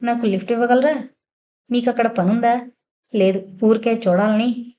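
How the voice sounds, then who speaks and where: A woman's voice: fairly high pitch, steady tone, moderate pace, mellow, natural voice. A woman reading the lines of a curious, stubborn young man from town in an audio novel, asking insistent questions.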